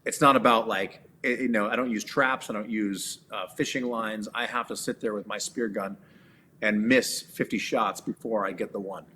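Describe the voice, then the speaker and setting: A man being interviewed as a guest, telling animated stories with lots of fillers and restarts. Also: on the low side, normal speed, a little hiss or hum. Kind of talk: casual interview chat.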